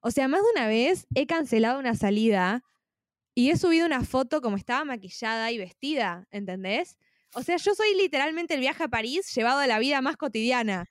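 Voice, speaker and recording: A woman's voice: high-pitched, animated, a little fast, no room sound, clean studio sound. A woman with a Rioplatense Spanish accent, talking casually as a podcast co-host, with lots of fillers. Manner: conversational, many fillers like "tipo". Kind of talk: casual chat.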